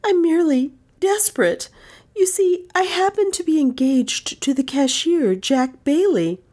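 A woman's voice: animated, a little slow, mellow. A woman playing a desperate, fiery young heroine. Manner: high, pleading and urgent.

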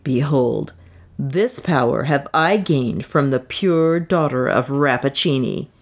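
A woman's voice: extremely low pitch, exaggerated voice. A woman reading a story, voicing a bitter, enraged young man who denounces his lover in archaic, venomous speech. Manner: venomous, drawn-out archaic denunciation. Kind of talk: dramatic audiobook storytelling.

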